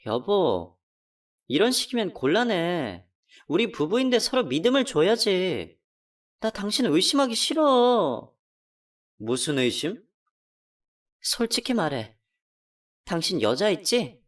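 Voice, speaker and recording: A woman's voice: big pitch swings, takes it slowly, pauses often, far from the mic. A woman narrating and playing a hurt wife in a radio drama, with an emotional, accusing delivery. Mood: suspicious. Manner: emotional, accusing, pitch climbing when upset. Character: betrayed wife, hurt and furious. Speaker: narrator and voice actor.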